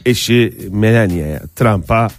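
A man co-hosting a morning radio show, telling news stories in a dry, joking way with drawn-out pauses. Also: fairly low pitch, soft background music. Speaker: radio co-host.

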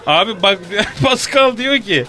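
A man hosting a comedy radio show, joking and laughing through quick asides. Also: sits high, lively intonation, pushed and bright. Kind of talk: comic radio banter.

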